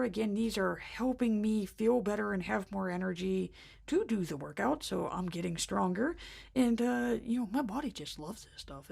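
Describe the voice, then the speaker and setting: Woman, casual vlog chat, out of breath, gravelly voice, laughs a lot. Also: medium pitch, a little mellow. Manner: chatty, laughs often, short of breath. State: short of breath after illness. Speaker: planner vlogger. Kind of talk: casual talk to camera.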